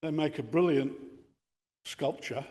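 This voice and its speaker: Unhurried and a little mellow, an older man's slightly high voice carries an Australian accent as he gives radio enthusiasts a technical lecture on behalf of an amateur radio club. He speaks in an indoor meeting room with equipment on a bench, and the space sounds reverberant.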